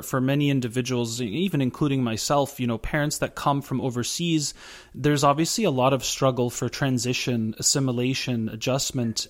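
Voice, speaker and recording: A man hosting an interview show, asking long, earnest questions with many fillers. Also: mid-range voice. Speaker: host.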